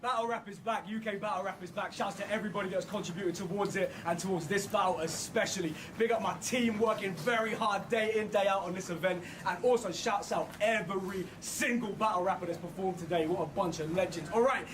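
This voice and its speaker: A man's voice: sits high, fairly quick, few pauses, noisy background. A man hosting a battle rap event, giving emphatic hype introductions as the announcer. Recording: music behind the voice.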